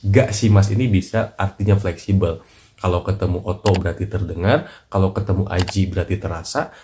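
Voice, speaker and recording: A man teaching in a casual, chatty way, trailing off softly at the ends of his lines. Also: sits low. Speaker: Japanese language teacher. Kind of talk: casual lesson in short clips. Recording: noisy recording with clicks.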